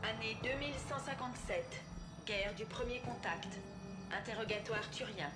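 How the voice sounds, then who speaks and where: A formal, emotionless computer, voiced by a woman in a video game. It gives clipped announcements in a fairly high voice over loud music. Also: normal speed, lightly acted. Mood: impersonal. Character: female archive computer, impersonal, formal, emotionless. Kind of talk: dubbed video game acting.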